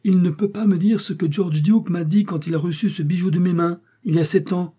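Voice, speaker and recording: A man's voice: mid-range voice, moderate pace, dark tone, lightly acted. A man voicing a determined young wife who defies a courtroom, firm and insistent. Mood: accusing. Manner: firm, insistent, rising to outbursts.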